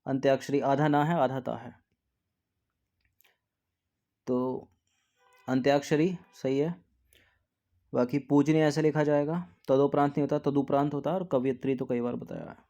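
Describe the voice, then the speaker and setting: Teacher drilling spelling, dark voice. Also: male voice, steady tone, unhurried, pauses often. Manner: repeats words to drill spelling; drops to a soft low aside after answers. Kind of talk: exam practice lesson.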